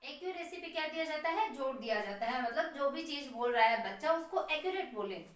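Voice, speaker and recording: Writing on the board as she talks, a woman teacher explains a lesson to her class and answers the questions she poses herself. She speaks briskly in a high-pitched voice with lively intonation, recorded far from the mic in a very echoey room.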